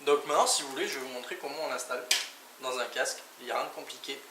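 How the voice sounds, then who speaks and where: Very fast and steady, a man's mid-range voice carries a casual hands-on product tutorial in which he, a motorcycle vlogger, presents gear and talks informally through each step with little interjections. It's recorded on a distant mic in an echoey space with clear background noise.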